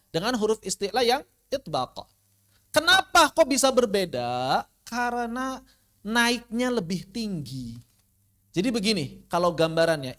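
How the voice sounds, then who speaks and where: Tajwid teacher demonstrating drawn-out letter sounds. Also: medium pitch, fairly bright tone. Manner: explains with rhetorical questions and answers them. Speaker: Quran recitation teacher. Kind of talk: online tajwid lesson. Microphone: online class recording.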